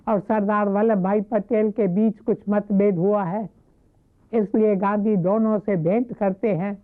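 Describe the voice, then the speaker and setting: A woman giving a devotional talk, retelling a story in a measured, reverent way. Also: medium pitch. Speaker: spiritual speaker. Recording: narrow phone-like lo-fi audio.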